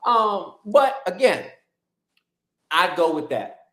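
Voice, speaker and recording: A man's voice: high-pitched, takes it slowly. A man guesting on a casual sports podcast, ranting animatedly and swearing often as he jokes. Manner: animated, profane, joking rants. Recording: roomy echoey sound.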